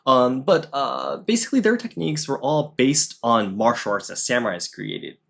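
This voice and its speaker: Chatty man, lively pitch. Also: moderate pace, creaky. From Japan. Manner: relaxed, self-deprecating, frequent fillers and restarts. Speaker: podcast host, martial arts instructor. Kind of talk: casual conversational explanation.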